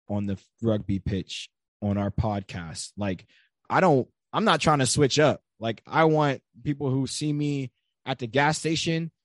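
A man's voice: on the low side, dry recording, clean studio sound. A young man talking as a podcast guest in casual conversation, earnest and storytelling, with many filler words.

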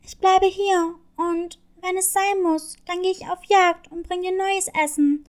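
A woman's voice: extremely high pitch, fairly even intonation, a little slow. Woman doing a sweet little kitten girl. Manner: sweet, earnest, eager. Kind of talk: storybook reading.

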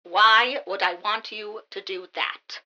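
A woman's voice: mid-range voice, slow, bright, forceful tone, muffled recording. A woman playing an impatient, practical investigator in a comic radio drama.

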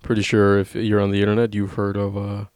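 A man's voice: on the low side, monotone, fast, darkish tone, no room sound. A young man chatting casually on a podcast, rambling and swearing often, with frequent laughs. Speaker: podcast co-host. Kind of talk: casual chat.

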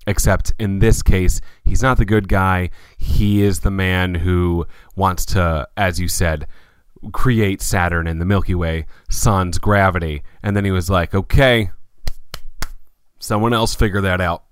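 A man giving casual podcast commentary in a deadpan, wordy, mock-serious way. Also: low voice, measured pace, smooth, no room sound, clean studio sound. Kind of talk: casual chat, dry storytelling commentary.

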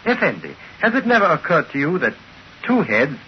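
Sly groveling trinket dealer, voice swoops up and down, old 1940s radio sound with hiss. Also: male voice, on the high side, fairly quick. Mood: fawning. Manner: fawning, excitable, broken formal speech. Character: obsequious foreign male trinket dealer, sly. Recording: dull old radio broadcast with faint hiss.

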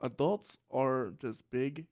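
This podcast host, a young man with a mid-range voice, talks slowly through a relaxed conversation. He's chatty and laughs a lot, and excitement makes him stumble into repeated words.

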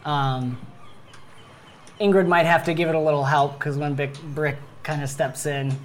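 A woman's voice: low voice, fairly even intonation, moderate pace, slight background noise. A woman game master narrating a tabletop role-playing game in a casual, conversational way.

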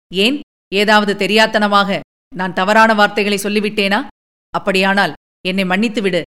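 A woman's voice: mid-range voice, fairly bright tone, clean tone, lightly acted. A woman voicing an earnest young nobleman who speaks solemnly and pleadingly to his beloved.

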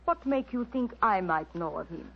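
Tragic heroine, young n passionate, big swooping melodrama, old muffled radio play. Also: female voice, mid-range voice, lively intonation, moderate pace, gravelly, a little hiss or hum. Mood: guarded. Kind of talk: 1940s radio drama acting. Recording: dull old radio recording, music behind.

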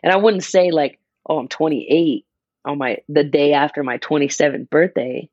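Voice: mid-range voice, moderate pace, a little mellow, no room sound, lo-fi sound. A person in their mid-twenties chatting casually on a podcast, rambling and restarting as they explain an idea. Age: 20s. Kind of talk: casual chat.

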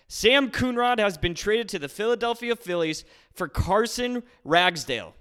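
A man with a high, smooth voice hosts a sports podcast, recorded in a garage. He addresses listeners directly with an upbeat announcer's delivery. His scripted commentary comes through clearly and resonantly. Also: lively intonation, normal speed, bright, forceful tone. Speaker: podcast host.

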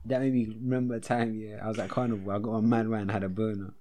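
Young adult male, London roadman accent, lowish pitch. Laid-back, slangy banter between friends. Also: level tone, quick pace, background noise. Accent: London, roadman slang style.

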